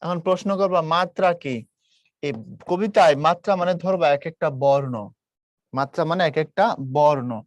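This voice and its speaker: Fairly high-pitched and measured, the young tutor's voice comes through a dry, dull recording. Teaching online, he patiently restates key ideas, checks in with questions to the class, and uses English words here and there.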